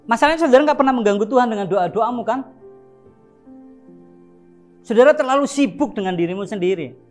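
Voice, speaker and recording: A male preacher delivers a lively sermon, his pitch swinging widely as he teases the congregation and acts out shouted prayers. Soft music plays faintly underneath. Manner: animated, jokes and laughs, acts out shouted prayers.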